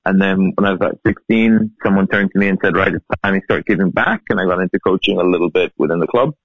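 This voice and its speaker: An Irish field hockey coach in his thirties, his accent softened by years in the US, is a guest in a casual interview, relaxed and chatty as he tells his story with easy laughs. His voice is low and husky, and he talks fast. The line sounds tinny and phone-like, completely dry with no room sound.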